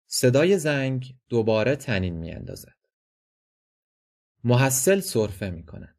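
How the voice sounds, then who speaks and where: A man narrating a play as an audiobook, reading stage directions in a measured, expressive way. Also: medium pitch.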